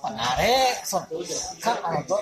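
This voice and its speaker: Chatty Tohoku-accented man over loud crowd. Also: sits high, expressive, moderate pace. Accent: Tohoku Japanese. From Tohoku, Japan. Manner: chatty, laughs often, many restarts. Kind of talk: casual chat.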